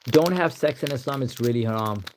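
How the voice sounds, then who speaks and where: A young man from Pakistan, Pakistani accent, talks briskly in a mid-range voice over slight background noise during a casual live stream. He rambles on, reads answers aloud, and repeats "to be honest" often.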